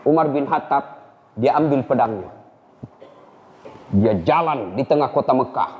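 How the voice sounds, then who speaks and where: Man preaching with dramatic storytelling, high and animated, in a reverberant hall. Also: highs cut off. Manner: animated, dramatic, addresses audience. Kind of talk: humorous sermon storytelling. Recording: echoey hall.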